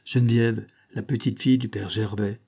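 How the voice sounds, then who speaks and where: A man voicing a brave young army lieutenant in an audiobook, forceful and accusing. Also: on the low side, steady tone, moderate pace, gravelly. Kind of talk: audiobook character reading.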